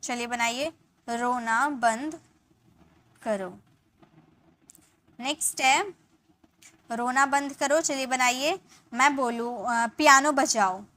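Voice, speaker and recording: A woman's voice: high voice, takes it slowly, pushed and bright. A young Indian woman teaching a spoken English class, explaining step by step in an Indian English accent and repeating each example sentence.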